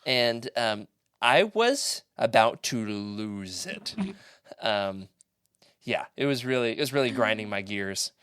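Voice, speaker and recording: A man's voice: lowish voice, animated, slow, fairly bright tone, smooth, dry recording, studio quality. A man hosting a podcast in casual chat, joking and laughing often. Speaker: podcast host.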